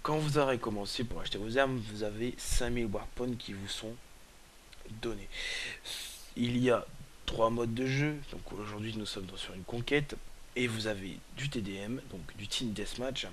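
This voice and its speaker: A man with a hoarse, sick-sounding voice giving halting, casual commentary on gameplay, often repeating himself. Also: lowish voice, a bit bright. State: hoarse, sore throat from being sick. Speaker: gaming video presenter. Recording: noisy, with game gunfire and clicks. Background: video game gunfire and clicks.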